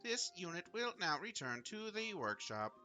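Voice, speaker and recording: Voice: mid-range voice, sing-song, normal speed, bright, forceful tone, faint music behind. A streamer putting on a robot voice to play a stiff, formal male robot worker in a game, speaking in clipped, literal phrases. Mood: mechanical, formal. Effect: robot voice put on by a streamer. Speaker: streamer reading game dialogue aloud. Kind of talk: let's play voice acting.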